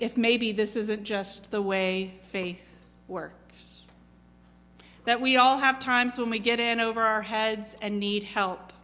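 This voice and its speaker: Woman pastor giving a slow reflective sermon, lots of questions, long echoey hall sound. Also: mid-range voice, a bit bright. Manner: reflective, asks many questions, acts out quoted lines. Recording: long reverb of a large hall.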